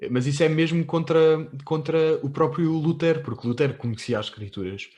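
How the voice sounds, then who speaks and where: A man hosting a casual podcast chat, measured and reading a quotation aloud. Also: a little high, a little mellow.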